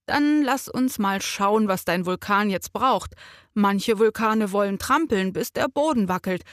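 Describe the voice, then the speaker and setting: A woman voicing a calm, gentle fox father who speaks softly in a children's story. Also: medium pitch, a little slow, no echo, studio quality, close to an everyday voice. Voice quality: soft and quiet.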